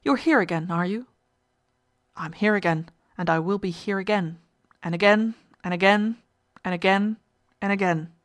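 A woman's voice: medium pitch, moderate pace, no room sound, lightly acted. Woman doing a cold ghost guy, icy and mocking, dry close sound. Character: cold, relentless ghost of a dead male passenger.

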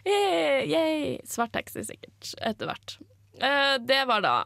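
Bright-voiced young woman radio host. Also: on the high side, lively intonation, dry recording, studio quality. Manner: candid, self-mocking storytelling. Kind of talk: casual radio chat. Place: radio studio.

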